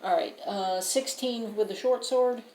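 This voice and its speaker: A woman playing a tabletop game, lively as she describes her character's moves. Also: a little high, unhurried. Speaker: player. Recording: echoey room, faint noise.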